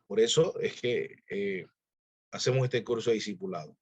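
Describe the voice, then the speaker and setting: A man's voice: on the low side, darkish tone, breathy edge, dull audio. A man teaching a church discipleship class, earnestly exhorting his listeners in a conversational preaching manner.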